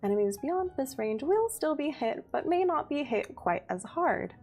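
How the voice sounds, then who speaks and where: A woman's voice: high voice, sing-song, moderate pace, a little mellow, soft background music. A woman, a community manager, presenting game update details on a livestream in an upbeat, giggly manner. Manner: upbeat, giggly, reads skill details steadily.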